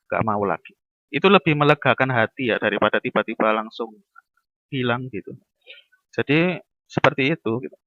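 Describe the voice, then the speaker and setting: A man's voice: mid-range voice, no echo, lo-fi sound. A man giving a casual university lecture, talking through everyday examples and acting out little dialogues.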